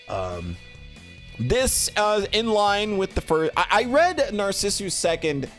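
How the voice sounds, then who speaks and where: A man with a slightly high voice streams game reviews, rambling casually and effusively to a live chat, very expressive and swearing casually.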